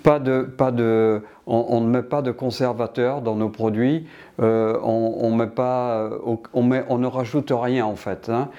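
Man, older, from Martinique, interviewee, hesitant, restarts often, dark mellow voice. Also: mid-range voice, fairly even intonation, measured pace, muffled recording. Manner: hesitant, many restarts and fillers. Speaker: business director interviewed. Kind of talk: interview answers.

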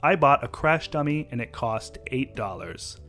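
A man doing a mock old-time 1940s newsreel announcer voice, with a grandiose, theatrical, drawn-out delivery. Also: medium pitch, expressive, a bit bright, soft background music, close to an everyday voice. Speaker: podcast co-host.

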